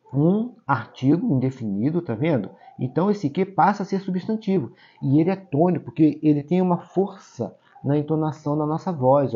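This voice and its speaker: A man's voice: a little high, mellow, husky. A man, teaching a grammar lesson for exam prep, explaining step by step and checking in with tag questions. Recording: dull lo-fi sound.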